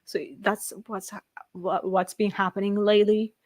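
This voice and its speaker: A late-thirties Japanese woman with a Japanese accent chats easily on a live stream, laughing often while replying to viewers. Her medium-pitched voice stays fairly flat, moves at a moderate pace, sounds a little mellow, and has no echo.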